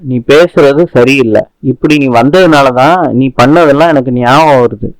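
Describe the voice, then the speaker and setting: A man's voice: medium pitch, moderate pace, no echo, close to an everyday voice, low-quality recording. Man voicing irritated young man, firm, dismissive, dry. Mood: stern.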